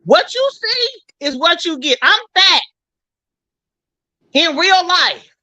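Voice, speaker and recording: A woman talking bluntly and loudly in a casual podcast chat, full of slang. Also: very high voice, very animated, takes it slowly, no echo, rough recording. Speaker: panelist.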